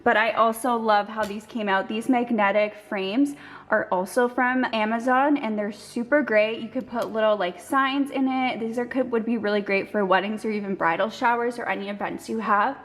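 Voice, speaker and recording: A woman's voice: a little high, steady tone, normal speed, roomy sound. A young woman vlogging at home in a chatty, bubbly way, a little out of breath. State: slightly out of breath. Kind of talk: casual vlog talk to camera. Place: family house indoors.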